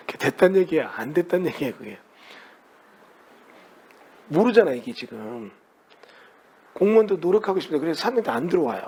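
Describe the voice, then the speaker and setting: Husky, lively man lecturing on property. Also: fairly high pitch. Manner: conversational, keeps asking the class rhetorical questions. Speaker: real estate lecturer. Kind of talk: classroom lecture.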